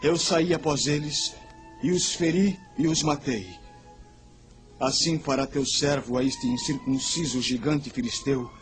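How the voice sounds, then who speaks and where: An actor playing a brave, devout young shepherd in a radio play, earnest and declamatory. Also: male voice, medium pitch, fairly even intonation, measured pace, faint music behind, lightly acted. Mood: humble, confident. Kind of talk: dramatized radio play acting.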